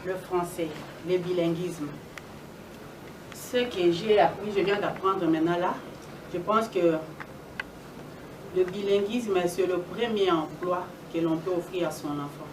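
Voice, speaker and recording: A woman's voice: lowish voice, steady tone, measured pace, pauses often. A middle-aged woman moderating a public event, emphatic and repeating phrases for stress. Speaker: event moderator introducing speakers. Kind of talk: public address. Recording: echoey noisy room, distant microphone.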